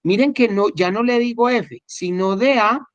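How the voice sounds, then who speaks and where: A man's voice: high voice, normal speed, no echo. A man teaching a class, explaining step by step and often checking that listeners follow. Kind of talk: recorded online spreadsheet class. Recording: dull, dry, lo-fi recording.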